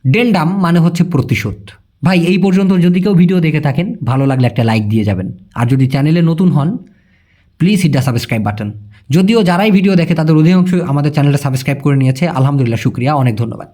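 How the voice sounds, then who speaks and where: A man with a Bangladeshi Bengali accent teaching vocabulary in a chatty spoken lesson. He repeats words slowly and keeps addressing the listener as brother. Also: fairly high pitch, lively intonation, mellow. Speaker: language teacher.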